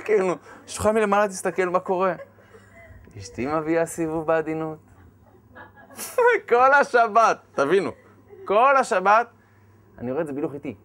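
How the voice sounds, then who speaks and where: A man, a rabbi, giving a humorous sermon, acting out scenes with laughter and shouted lines. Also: on the high side.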